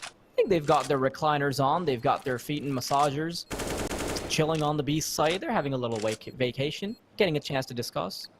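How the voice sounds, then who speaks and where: A man doing relaxed color commentary as co-caster for an esports match. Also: a little high, a little fast, background noise.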